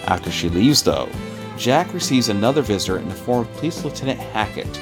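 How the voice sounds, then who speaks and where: This comic book podcast co-host has a fairly low, very animated voice and talks a little fast over music. After reading the issue's credits and recapping its plot, he drifts into loose chat packed with fillers and repeated phrases.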